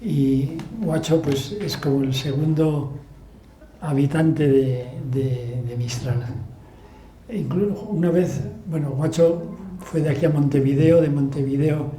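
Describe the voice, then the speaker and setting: A man with a Basque accent, an author telling stories to an audience in a relaxed, laughing way with many restarts. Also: fairly high pitch, slow pace, slight background noise. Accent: Spanish, Basque. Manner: storytelling with laughs and frequent restarts. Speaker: book author giving a talk. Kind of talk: relaxed anecdotal talk to an audience. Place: club hall with audience. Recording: echoey room, faint ambience.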